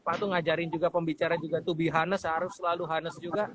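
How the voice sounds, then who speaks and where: A man's voice: on the high side, level tone, quick pace, a crowd in the background. A man hosting a radio talk show, chatting casually with his guest and telling anecdotes. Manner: chatty, tells anecdotes, addresses guest often. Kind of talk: casual interview chat.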